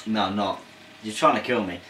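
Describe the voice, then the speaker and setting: A man's voice: lowish voice, brisk. A man co-hosting a casual food taste-test, laid-back with dry jokes. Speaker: food review co-host. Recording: echoey room, faint noise.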